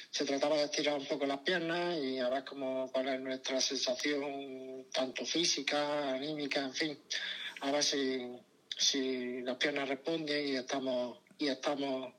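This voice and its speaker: Man, mid pitch, monotone, measured, repeats words, expedition interview. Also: low-quality recording. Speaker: mountaineer on expedition. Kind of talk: phone-in interview.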